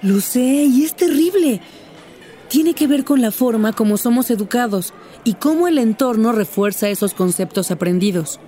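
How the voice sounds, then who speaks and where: A woman's voice: fairly high pitch, animated, moderate pace, dark tone. A woman with a Mexican accent, talking earnestly and explaining in a scripted dialogue. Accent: Mexican Spanish. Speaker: character Patty in a teaching dialogue.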